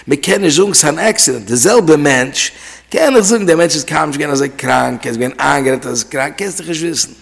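Male religious teacher, slightly high husky voice, explanatory, repeats himself, Hebrew and English words mixed in, reverberant hall. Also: animated, brisk. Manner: explanatory, repeats and restates his points. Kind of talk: religious study lecture.

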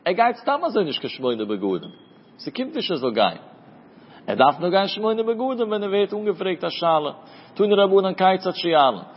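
A man's voice: high voice, big pitch swings, moderate pace. Guy going through talmud in that singsong study chant, muffled audio with a long echo. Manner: chanting study singsong, mixing Hebrew terms into Yiddish-flavored German. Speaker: Talmud teacher. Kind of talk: Talmud lesson. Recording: dull audio in a reverberant room.

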